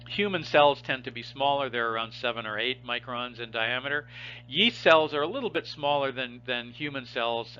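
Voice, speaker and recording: A man's voice: medium pitch, sharp tone, highs cut off. A man teaching a biology class, explaining step by step and asking his students rhetorical questions as he goes. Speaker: biology instructor. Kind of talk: recorded lecture.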